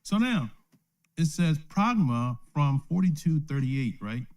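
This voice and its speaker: An older man leads an informal Bible lesson, his voice slightly high, lively, slow and a bit mellow. He tacks "right?" onto most points and chuckles often. It sounds like a live stream from his home or a small study.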